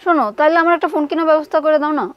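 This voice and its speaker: A woman's voice: sits high, level tone, very fast, dry recording, highs cut off, close to an everyday voice. A woman playing a wheedling, demanding young wife. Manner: wheedling then insistent.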